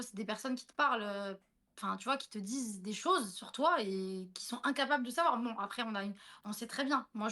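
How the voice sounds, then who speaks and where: A woman's voice: a little high, sharp tone. A woman in her thirties, a guest telling a personal story in a casual livestream chat, full of fillers and restarts, often speaking directly to her listener.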